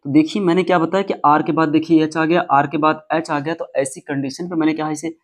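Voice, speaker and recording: A man with a slightly high voice and fairly even intonation teaches English pronunciation a little quickly. In classroom style, he explains the rules emphatically and repeats key words.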